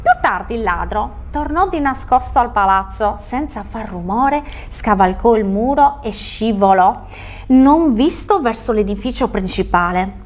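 A woman's voice: fairly high pitch, animated, measured pace. A woman telling a fairy tale on a children's show, reading expressively.

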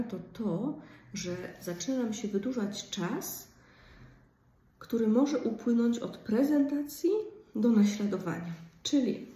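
A woman speech therapist gives an informal lecture, explaining step by step and often stopping on hesitation fillers. Her voice is warm and mellow and sits at a middle pitch. She is heard from some distance in a roomy, echoing space with a faint hiss behind her.

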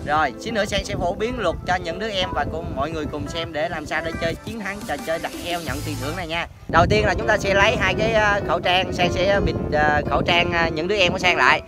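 A man's voice: high-pitched, quick pace, few pauses. A young man with a Southern Vietnamese accent hosts a casual challenge vlog outdoors, explaining things in a repetitive, hesitant way. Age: young adult. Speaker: host of a challenge video. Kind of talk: casual vlog presenting and instructing. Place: open grassy field outdoors. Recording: loud music over outdoor speech. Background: loud music.

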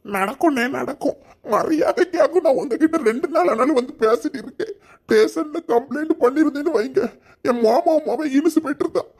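A performer voicing an aggrieved, sarcastic middle-aged village banana seller, in a cartoon. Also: male voice, extremely high pitch, animated, brisk, a little mellow. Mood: bitter sarcastic. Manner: sarcastic, complaining.

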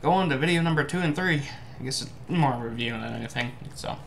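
Recorded noisily indoors at home, a young man chats to the camera as an amateur food reviewer, pausing and musing hesitantly as he talks. His voice is mid-range with vocal fry.

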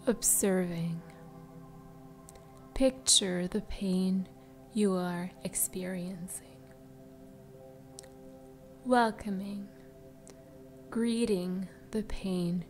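A woman guiding a meditation in a soft, breathy spa voice that trails into whispers, soothing and unhurried. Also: lowish voice. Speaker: meditation guide. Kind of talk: slow guided meditation narration. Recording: music behind the voice. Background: background music.

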